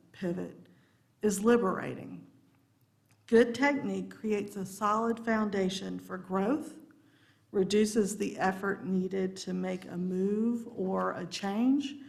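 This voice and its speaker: A woman preaches a sermon in a folksy, good-humored way. Her voice has a gravelly, creaky edge. She takes her time and lets each phrase settle. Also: mid-range voice, darkish tone. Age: 50s. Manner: folksy and humorous, laughing along with the congregation. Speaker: religious education director giving a sermon.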